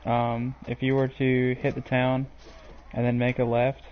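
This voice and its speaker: A game streamer with an ordinary mid-range voice talks through his gameplay live, a little slowly and in a monotone. He drifts from point to point, hesitant and full of ums and uhs, on a dull, lo-fi mic with a little hiss or hum.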